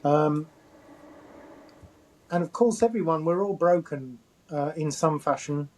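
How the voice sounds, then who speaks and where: Hesitant, slightly higher-voiced man host. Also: a little slow, darkish tone, low-quality recording. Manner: hesitant, thoughtful, many fillers. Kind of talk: casual conversation.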